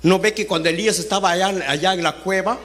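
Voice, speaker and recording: High-voiced man preaching. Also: fast talker, a bit bright. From Honduras. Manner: conversational, asks the congregation questions, laughs while talking. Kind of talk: sermon. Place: church service.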